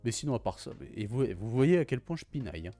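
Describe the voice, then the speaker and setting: A man's voice: medium pitch, very animated, fast talker, dark tone, faint music behind. A young man gushing in a casual, slangy film review, often repeating his exclamations. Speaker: YouTuber reviewing films.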